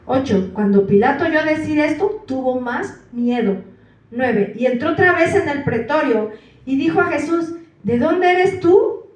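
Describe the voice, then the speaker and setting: In a church hall, a woman preacher reads scripture aloud verse by verse, calling out the verse numbers and asking her listeners questions. Her high voice is animated and moves at normal speed. The recording sounds far off, with the hall's echo.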